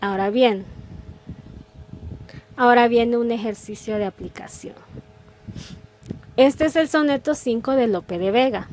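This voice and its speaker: A woman's voice: on the high side, measured pace, pauses often, darkish tone, a little hiss or hum. Patient woman teacher walking through slides. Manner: patient, talks through examples step by step. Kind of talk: explaining a school lesson.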